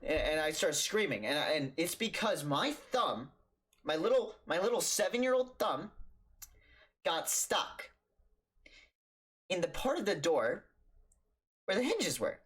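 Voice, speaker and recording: Stammering, animated young man telling a story. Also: fairly high pitch, unhurried, pauses often, breathy edge. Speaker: streamer telling a childhood story. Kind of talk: storytime vlog.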